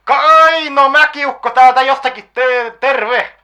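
A man's voice: very high voice, fairly even intonation, bright, forceful tone, clear, resonant tone, pitched above the performer's own voice, full character voice. A man voicing a grumpy middle-aged male caller in a comedy radio sketch, with a pinched, whiny voice. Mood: grumbling.

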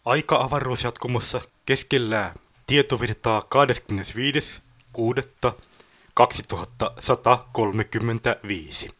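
A man reads a formal introduction to a collection of stories. He keeps an even, measured pace at a middle pitch. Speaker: narrator. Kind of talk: scripted audiobook introduction.

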